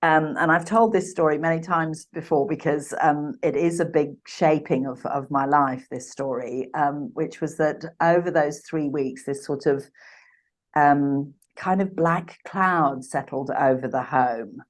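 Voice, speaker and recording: A woman in her sixties from Uganda, a podcast guest telling her life story in a reflective, halting way with frequent restarts. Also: low-pitched, steady tone. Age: 60s. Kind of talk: personal storytelling in a podcast interview.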